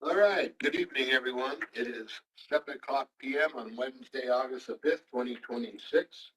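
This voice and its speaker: A man chairing a town board meeting, running through the agenda in a brisk, procedural way. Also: mid-range voice, fairly bright tone. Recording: roomy hall, mic far off.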